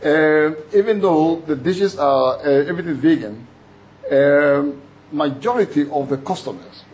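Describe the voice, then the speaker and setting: A man's voice: mid-range voice, darkish tone, husky. A middle-aged man from Ghana with a Ghanaian accent, a chef who talks in a casual, hesitant way, full of fillers and restarts. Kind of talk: casual interview and cooking demo.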